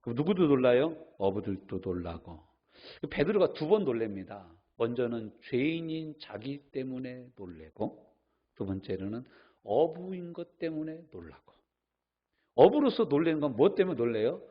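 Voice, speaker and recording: A man's voice: mid-range voice, big pitch swings, normal speed, slightly rough. A middle-aged male pastor preaching a sermon, asking the congregation questions and answering them himself. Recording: dull lo-fi sound.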